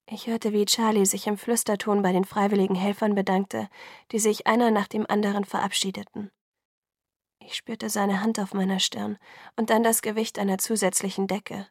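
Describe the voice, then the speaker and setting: A woman reading a first-person novel aloud in a steady, even storytelling manner. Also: mid-range voice, dry recording, studio quality. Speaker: audiobook reader.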